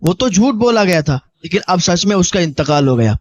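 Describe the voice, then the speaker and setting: A man's voice: high-pitched, sing-song, highs cut off. A man preaching a sermon, telling a moral story earnestly and exhorting his listeners. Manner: earnest, exhorting, acts out dialogue. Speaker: Islamic preacher.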